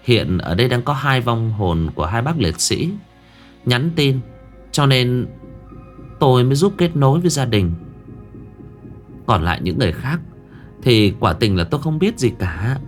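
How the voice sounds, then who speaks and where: A man voicing a modest, calm woman spirit medium who speaks softly and politely, in an audiobook ghost story. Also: medium pitch, normal speed, long pauses, soft background music, voice pushed up, close to an everyday voice. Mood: humble. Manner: soft-spoken, gently polite.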